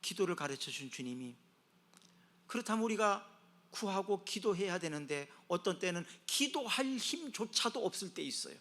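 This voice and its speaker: Korean pastor preaching with big swings. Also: male voice, high voice, vocal fry. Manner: swings from quiet to loud exclamations. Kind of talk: sermon.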